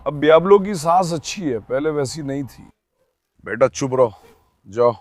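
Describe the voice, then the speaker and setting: A man filming his dogs, talking to viewers and calling and calming the dogs. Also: fairly high pitch, normal speed, slight background noise. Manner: talks to viewers and calms his dogs in turns. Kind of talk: casual commentary to viewers.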